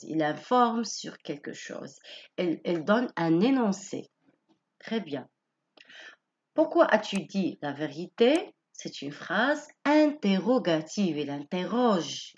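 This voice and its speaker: A woman giving a patient grammar lesson, explaining each point slowly and rephrasing it several times. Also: medium pitch, highs cut off. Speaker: teacher.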